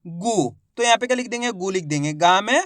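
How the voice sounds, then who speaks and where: A man teaching Hindi reading, sounding out words syllable by syllable and quizzing his students in a slow, repetitive classroom manner. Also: sits high, expressive, fairly bright tone, dry recording, studio quality.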